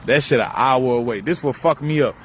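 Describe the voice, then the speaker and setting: With a medium-pitched voice and a slightly quick pace, the male vlogger rambles outdoors beside a busy road. He swears freely, muses on spirituality and repeats himself as his thoughts drift, with faint traffic in the background.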